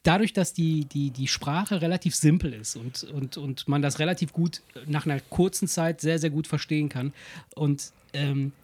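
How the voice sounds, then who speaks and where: A man with a fairly high voice chats loosely on a podcast. He rambles, piles up fillers and false starts, and swears offhandedly. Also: moderate pace, a little mellow, breathy edge. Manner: rambling, many fillers and restarts, swears casually. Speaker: podcast co-host. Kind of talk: casual chat.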